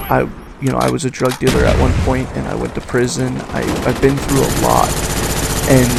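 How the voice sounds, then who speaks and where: A man in his twenties giving casual video game commentary, halting, stuttering and mumbling. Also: medium pitch, creaky, very noisy. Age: 20s. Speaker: gaming YouTuber doing commentary. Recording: voice over loud game gunfire.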